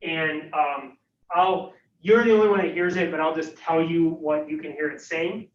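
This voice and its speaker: A man's voice: on the high side, fairly even intonation, moderate pace. A man narrating as game master of a tabletop game, hesitant and full of fillers. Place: room at a livestreamed faculty game. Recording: roomy, distant, dull recording.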